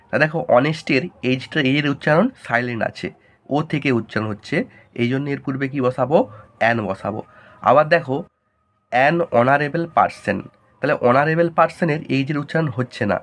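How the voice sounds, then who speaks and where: A man teaching a grammar lesson, asking questions and answering them himself in a lower voice. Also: a bit bright.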